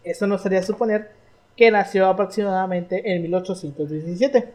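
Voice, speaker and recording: A woman's voice: medium pitch, fairly quick, a little mellow. A young woman with a Mexican accent, co-hosting a casual history chat, slangy and storytelling as she goes through her notes. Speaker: podcast co-host.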